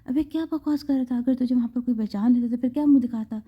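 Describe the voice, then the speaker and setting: A woman reading out a blunt young man in an audio novel, a gang boss's friend who scolds straight out. The voice is fairly high and the recording is muffled and lo-fi. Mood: scolding. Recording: slightly dull lo-fi recording.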